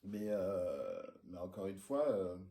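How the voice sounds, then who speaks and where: A man's voice: low-pitched, expressive, takes it slowly, creaky, mellow, roomy sound. A man in his forties, an osteopath, telling his life story in a casual interview, hesitating often with fillers and restarts. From France. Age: 40s. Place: his osteopathy practice room.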